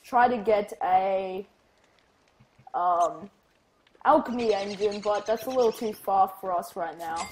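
A woman's voice: mid-range voice, takes it slowly, pauses often, a little hiss or hum, rough recording. A woman hosting a casual let's-play, rambling and chatting to herself and to things in the game as she plays. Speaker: gaming channel host.

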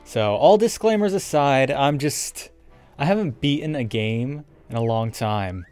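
A man's voice: medium pitch, animated, a little slow, a little mellow. Young man doing let's play commentary over music. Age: young adult. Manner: rambling, frequent swearing. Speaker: gaming YouTuber. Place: indoor room with webcam setup. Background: game music.

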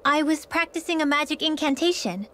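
A woman's voice: high-pitched, expressive, brisk, fairly bright tone, slight background noise. A woman voicing an earnest, guarded young female mage in a video game.

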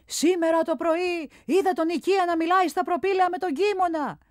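Brief: woman reading jolly storybook sculptor, calls out loud, high-pitched, dry recording. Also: steady tone, no echo. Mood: cheerful shouting. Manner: shouting from afar. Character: cheerful male sculptor calling down from scaffolding.

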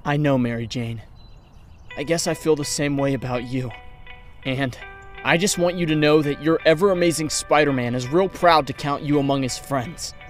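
A man voicing Peter Parker, a kind, thoughtful young man, speaking gently and reflectively in a comic dub. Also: fairly high pitch, moderate pace, heavy reverb, far from the mic, faint music behind, close to an everyday voice. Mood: gentle.

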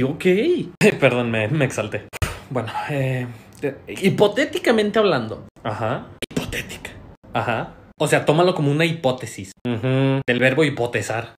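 A young man with a Mexican accent performing comedy sketches, playing both sides of the conversation in playful, quick banter. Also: medium pitch.

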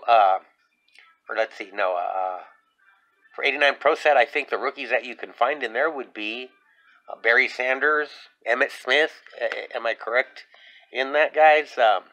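A man's voice: mid-range voice, bright, forceful tone. A man hosting a sports card vlog from his desk at home, talking casually with lots of fillers. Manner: chatty, upbeat, many fillers. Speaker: sports card channel host. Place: home desk, then convention hall.

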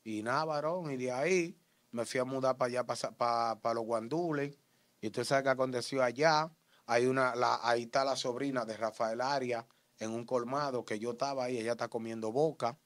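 A man with a Dominican accent giving an interview testimony in street slang, acting out shouts and gunshots as he tells it. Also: mid-range voice, normal speed, dry recording. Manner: animated, acts out shouts and gunshots.

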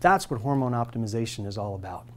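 Speaking quickly and with great animation, this fortysomething man delivers a scripted, persuasive hormone therapy presentation, questioning the viewer directly. His pitch sits in the middle range, and a lapel mic records him against a plain light studio backdrop.

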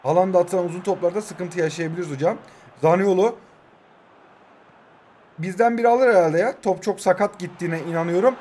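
A man's voice: sits high, fairly quick, pauses often, darkish tone, a little hiss or hum. A young man in his twenties commenting on his own football video game matches, joking, cheering his goals and talking to his players and viewers. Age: 20s. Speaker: mobile football game YouTuber. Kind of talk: excited gameplay commentary.

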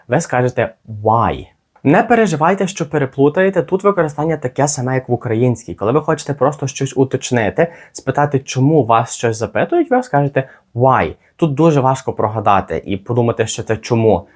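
A man leads a spoken English lesson, modelling phrases slowly and carefully so listeners can repeat them. His voice is medium in pitch with a darkish tone.

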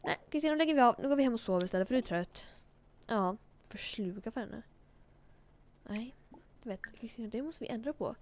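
A woman's voice: a little high, lively intonation, a little mellow. Chatty, giggly woman playing a game. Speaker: let's play host. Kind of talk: casual gameplay commentary.

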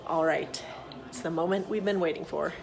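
A woman's voice: deep voice, steady tone, moderate pace, creaky. A woman in her thirties vlogging a mountain hike, talking to a phone held at arm's length, chatty and upbeat with wry asides. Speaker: thru-hiker vlogger. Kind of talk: casual vlog narration. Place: outdoors on a windy mountain trail and summit. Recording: loud wind noise on the phone mic.

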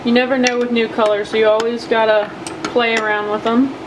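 You can hear air conditioning humming as a woman shows her soft plastic bait process at a home workshop bench. Her fairly high voice stays level and brisk, and her chatty, upbeat manner is packed with fillers.

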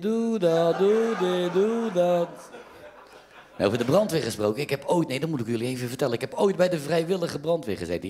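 A man with a Dutch accent telling jokes as a stand-up comedian, raising his voice whenever he quotes someone. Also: medium pitch. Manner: lively storyteller who raises his voice for quoted lines. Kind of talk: joke telling.

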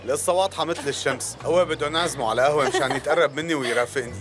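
Actor as a quick-talking boastful Syrian father. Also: fairly high pitch, close to an everyday voice. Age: middle-aged. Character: boastful, comically self-important family father. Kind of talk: dubbed TV drama acting. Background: background music.

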